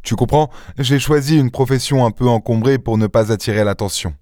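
A man reading an audiobook, voicing a playful, mocking gentleman thief who speaks with mock affection. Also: mid-range voice, fairly quick, no echo, studio quality, natural voice. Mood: teasing. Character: charming teasing gentleman thief, young man. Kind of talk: audiobook character voice.

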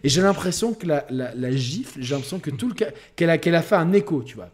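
A young man co-hosting a podcast, telling a crude story in a rambling, animated way with lots of fillers. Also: a little high, fast talker, a little hiss or hum. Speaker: podcast co-host. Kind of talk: casual storytelling chat.

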